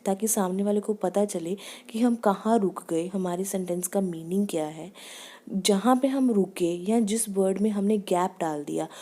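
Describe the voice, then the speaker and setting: A woman teacher, explaining in a lecture and reading English definitions slowly. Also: mid-range voice, dark tone. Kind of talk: classroom lecture.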